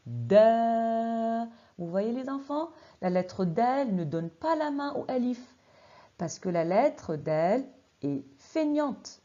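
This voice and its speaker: A high, very animated woman's voice, slow and deliberate, stretching each syllable for a class of young children. Her tone is mellow and a little breathy, and she keeps asking the pupils questions to draw them in. The recording is dull and lo-fi. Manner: slow, syllable-by-syllable drilling with exaggerated sounds; encouraging, quizzing the class. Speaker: teacher. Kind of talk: dictation lesson for children.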